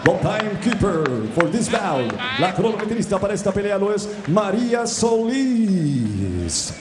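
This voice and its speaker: A middle-aged man working as a bilingual boxing ring announcer in a lucha libre style, with booming showman calls, stretched words and rapid runs into a handheld microphone. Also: sing-song, over music. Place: boxing ring in an indoor arena. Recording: echoey arena PA with crowd noise.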